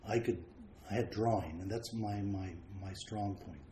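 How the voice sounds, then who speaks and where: A man raised around the United States, a painter guest, telling frank, self-deprecating stories about his life in a relaxed way. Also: fairly low pitch, moderate pace, slight background noise. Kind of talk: relaxed anecdotal storytelling. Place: large home studio. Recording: roomy studio with faint ambience.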